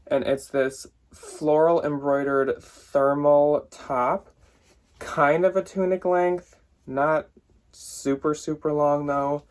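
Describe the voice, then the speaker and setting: A young thrift reseller vlogger talks casually to the camera about his haul, his voice a little high with fairly even intonation and a slow pace. He's chatty, says "like" constantly, adds small asides, sometimes sounds a bit out of breath, and laughs at himself when he loses track.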